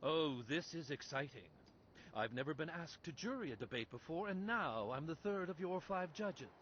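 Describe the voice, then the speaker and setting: An eager, friendly scholar judge. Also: male voice, a little high, animated, moderate pace, a bit bright, slight background noise. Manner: enthusiastic, friendly. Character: eager male scholar judge, cheerful and mild. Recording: dull lo-fi game audio.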